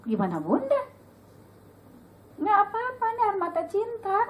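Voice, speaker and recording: A middle-aged woman giving a casual religious talk to a women's study group, lively and chatty, acting out bits of dialogue. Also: moderate pace, low-quality recording. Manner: lively, chatty, acts out dialogue with sudden high pitch.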